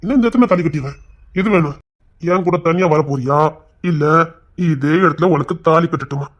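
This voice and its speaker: A man's voice: on the high side, brisk, muffled recording, lightly acted. A man playing a brash young man who challenges the woman he loves, then turns guilty and pleading. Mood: defiant. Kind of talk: screen drama acting.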